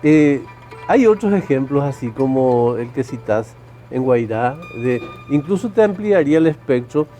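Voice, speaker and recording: A man hosting an interview, building his questions slowly and thinking aloud. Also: medium pitch, expressive, mellow, soft background music. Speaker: interview host.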